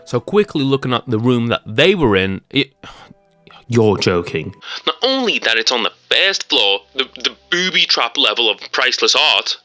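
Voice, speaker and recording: A man's voice: medium pitch, very animated, normal speed, pushed and bright, no room sound, faint music behind. A young man narrating a scripted tech-comedy video with jokey, sarcastic asides. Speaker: YouTube creator.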